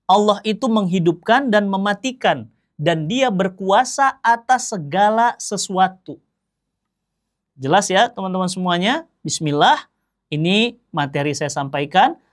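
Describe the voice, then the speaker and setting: A man giving a sermon as an Islamic preacher. He speaks in a lively, joking, conversational way, asking rhetorical questions and answering them himself. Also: high voice.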